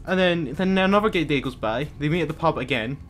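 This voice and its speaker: A man's voice: fairly high pitch, lively intonation, quick pace, a bit bright, soft background music. A young man streamer in casual, rambling chat who often stops and restarts his words.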